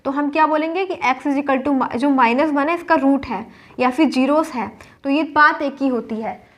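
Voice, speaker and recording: A woman's voice: sits high, moderate pace, muffled recording. A young woman teaching a math lesson step by step, checking in often with her students and mixing English terms into her sentences. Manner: explains step by step, repeats checks with "ठीक है", mixes English terms into Hindi. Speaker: maths teacher.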